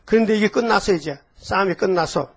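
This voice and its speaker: Gravelly high-voiced older preacher. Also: male voice, fast. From Gyeongsang province, Korea. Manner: folksy and storytelling, quizzes the congregation and leads call-and-repeat reading. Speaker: pastor. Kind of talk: sermon.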